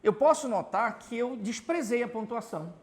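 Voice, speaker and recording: A man's voice: extremely high pitch, lively intonation, normal speed. A man with a Belém accent teaching a Portuguese grammar lesson, constantly asking rhetorical questions and tagging lines with "tá?" as he writes examples on a board. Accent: Paraense (Belém). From Belém, Pará, Brazil.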